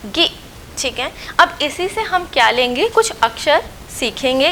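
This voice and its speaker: Slow, bright-voiced woman teacher. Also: high voice, slight background noise, rough recording. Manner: slow, patient, repeats and asks questions then answers them. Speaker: school teacher. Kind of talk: recorded online lesson for young children.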